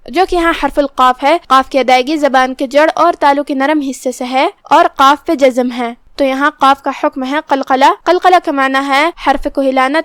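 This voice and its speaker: A high-pitched woman gives a patient, methodical lesson on Quran recitation and breaks each word down letter by letter. She recites the verses slowly and carefully. The sound is close and dry, with no room around her. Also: dry recording. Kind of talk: tajweed lesson with slow recitation.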